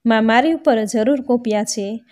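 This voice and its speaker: A woman's voice: on the high side, moderate pace, dark tone, close to an everyday voice. A woman voicing a grieving, remorseful young queen in a storybook tale, read in a plain voice.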